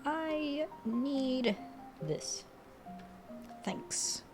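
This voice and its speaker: A woman's voice: sits high, lively intonation, extremely slow, over music. A young woman streamer chatting casually while drawing, rambling and correcting herself, often laughing.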